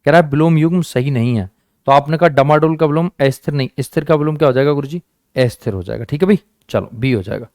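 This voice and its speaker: Male exam-prep teacher, higher voice, coaxing and repetitive, dry close sound. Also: quick pace, a little mellow, dry recording. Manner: coaxing, repeats questions and answers, calls students "beta" and "dost". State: sore hand, says it hurts. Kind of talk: online exam-prep class.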